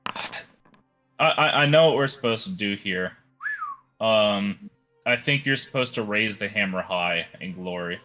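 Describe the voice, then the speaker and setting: A man's voice: lowish voice, unhurried, long pauses, bright, forceful tone, faint music behind. A man playing a tabletop game, hesitant, with many fillers and restarts as he describes his moves. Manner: hesitant, lots of uhs and restarts. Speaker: player. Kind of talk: casual tabletop game chat.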